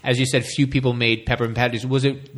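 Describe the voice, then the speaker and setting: Halting male podcast interviewer, mid-pitched. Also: flat delivery, a bit bright. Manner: halting, rephrases questions as he goes. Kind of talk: casual interview questions.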